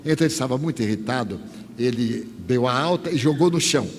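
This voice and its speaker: A man from Bahia, giving a spiritist lecture as a lively storyteller who acts out the dialogue. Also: medium pitch, fast. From Bahia, Brazil. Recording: echoey hall with faint hiss.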